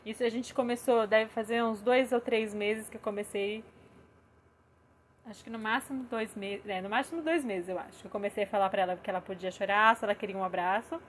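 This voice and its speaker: A young adult woman with a Brazilian Portuguese accent, gently explaining parenting ideas in a casual live talk, often checking in with "né?". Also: medium pitch, steady tone, fairly quick, slight background noise. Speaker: parenting educator.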